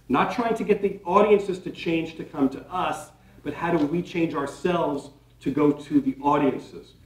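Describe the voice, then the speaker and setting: Guy giving a keynote talk, high voice, kinda far from the mic in an echoey hall, playful and a bit sarcastic. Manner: energetic, asks the audience questions. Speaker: keynote speaker. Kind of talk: live workshop presentation. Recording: roomy hall, mic from a distance.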